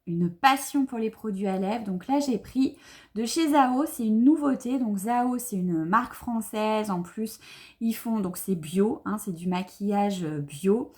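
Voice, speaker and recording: A woman's voice: medium pitch, a little slow, a little mellow. A young woman, chatting enthusiastically to camera as she unboxes beauty products, with many fillers. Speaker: beauty vlogger. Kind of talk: casual unboxing chat to camera.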